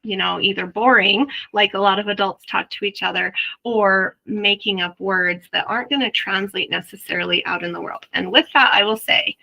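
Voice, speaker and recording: Woman, webinar presenter, chatty, everyday examples, bright tone, gravelly fry, mid pitch. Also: normal speed, hardly any pauses, rough recording. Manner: addresses the audience directly. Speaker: early learning presenter; mother. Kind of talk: webinar presentation to health workers.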